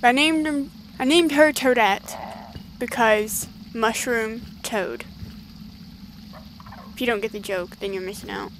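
A woman narrating her gameplay in a casual, chatty way and chatting away to the creatures on screen. Her voice sits fairly high and she takes her time between phrases. A faint hum of noise sits under the recording. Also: unhurried, long pauses, rough recording. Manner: chatty, excitable, talks to the game creatures. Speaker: gaming channel host.

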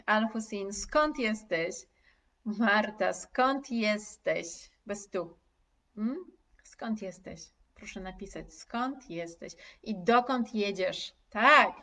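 Very slow, carefully enunciating woman teacher. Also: medium pitch, a bit bright, far from the mic. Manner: slow, carefully articulated, repeating words for students. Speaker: language teacher. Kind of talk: live online lesson, reading chat comments aloud.

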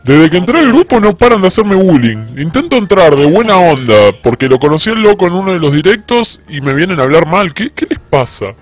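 A young man, talking through a deep voice changer and flatly insisting it is his real voice. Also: a little fast, hardly any pauses, faint music behind. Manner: insists flatly, mock-innocent. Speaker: streamer pranking a voice chat. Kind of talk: deadpan prank on a voice call.

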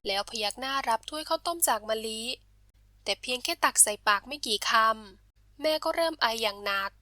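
A woman storyteller with a high, bright voice reads a bedtime tale gently and steadily. The recording is dry and close, with no room sound. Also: animated, fairly quick, no echo.

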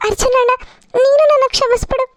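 A woman's voice: extremely high pitch, steady tone, brisk, voice pushed up. A woman voicing a remorseful young woman in a cartoon serial, pleading through tears. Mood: tearful pleading. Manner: pleading, apologetic. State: crying.

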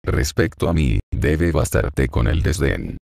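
A man's voice: rumbling low, animated, slow, creaky, darkish tone, dry recording, studio quality, full character voice. A man playing a frail, tearful, pleading boy. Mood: pleading, fearful.

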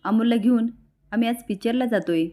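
Woman narrator as a calm peacemaking mother in a storytelling recap. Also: on the high side, a little fast, close to an everyday voice. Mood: gentle.

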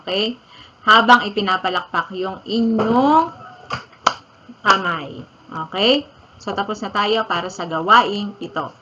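A woman's voice: medium pitch, measured pace, pauses often, bright, forceful tone. A woman from the Philippines teaching an online music lesson, counting beats aloud and singing short lines of a song. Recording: slightly dull audio with faint ambience.

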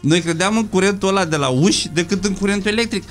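Animated storytelling man, high voice. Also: soft background music. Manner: animated storytelling, acts out quotes in raised voices. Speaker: sociologist guest. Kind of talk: casual radio chat.

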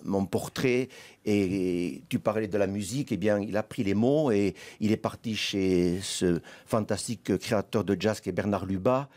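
A middle-aged man from southwest France, a guest writer telling stories in a radio interview, in a lively, lyrical way with many restarts. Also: fairly low pitch, normal speed.

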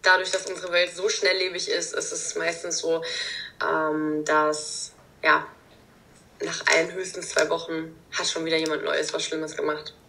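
Bright-voiced young woman on a video call. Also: deep voice, flat delivery, moderate pace, creaky, low-quality recording. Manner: open, reflective, with many fillers. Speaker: guest, reality TV contestant. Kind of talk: casual interview over video call.

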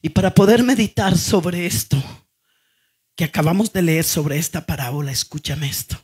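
A middle-aged woman preacher delivering an impassioned sermon, moving from hushed, slow phrases to fervent shouts. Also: deep voice, husky.

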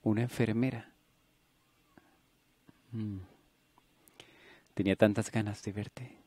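A man's voice: fairly low pitch, steady tone, slow, warm tone, no room sound. A man voicing a bubbly, impulsive young woman nurse in an audiobook, alternating teasing and wistful tones. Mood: playful.

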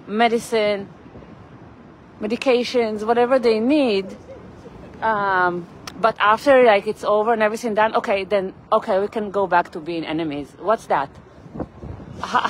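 Traffic and street sounds surround a vlogger with a mid-range voice as she walks outdoors in the city, live-streaming a rambling chat and greeting her viewers by name. She films on a phone camera while walking, and the recording is low quality.

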